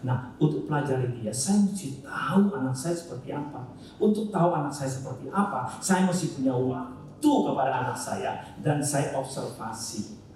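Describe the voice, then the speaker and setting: A man giving a casual family talk in church, addressing the audience with frequent questions and swinging between loud and soft. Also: mid-range voice, expressive, normal speed, a little hiss or hum. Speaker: church speaker. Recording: echoey church hall from far off.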